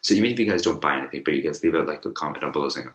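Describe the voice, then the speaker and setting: A young man with an exceptionally deep voice co-hosts a casual podcast with a friend, talking rapid-fire while rambling, stumbling over restarts, and leaning on fillers. A loud crowd is audible, and the recording is rough.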